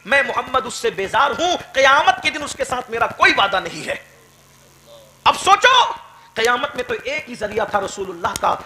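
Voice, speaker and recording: A man preaching an impassioned sermon to a gathering, building to shouted climaxes and slowly chanting verses. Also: sits high, a little hiss or hum, poor audio. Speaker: Islamic preacher. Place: gathering with a responsive crowd.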